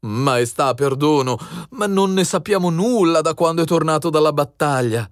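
A man's voice: fairly high pitch, normal speed, no echo, studio quality, close to an everyday voice. A man voicing a humble charcoal-burner parent, timid and apologetic before a king.

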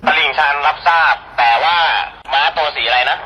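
A man's voice: a little high, normal speed, highs cut off, very noisy. A man doing mock police radio dispatch, clipped and mock-serious, as police radio chatter. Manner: clipped call-sign replies, mock-serious.

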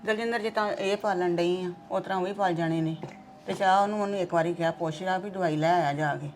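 Woman acting fast-talking, exasperated Punjabi mother. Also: lowish voice, slight background noise, close to an everyday voice. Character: exasperated village mother of the household. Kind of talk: amateur Punjabi family web drama.

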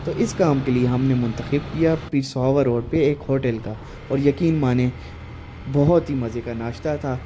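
A man with a Pakistani Urdu accent narrating a travel vlog voice-over in a relaxed, guiding way. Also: mid-range voice, moderate pace, background noise. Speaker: vlogger narrating trip.

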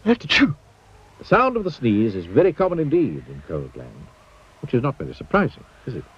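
A man narrating a children's storybook in a playful, expressive way. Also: medium pitch, brisk, slightly rough. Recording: dull lo-fi old TV soundtrack.

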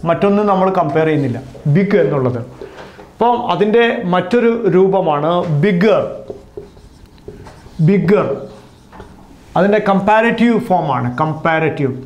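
A man with a high voice teaches a grammar lesson and works through each word form slowly, saying it again and again. The room is echoey, so his voice rings around him as it would in a bare classroom. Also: expressive, muffled recording. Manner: patient, repeats and drills each word form. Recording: roomy echo.

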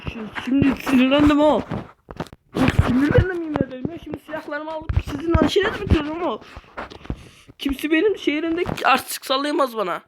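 A woman giving panicky, cursing gameplay commentary with frequent frightened shouts. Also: high-pitched, brisk. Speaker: gameplay streamer. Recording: loud clicking noise.

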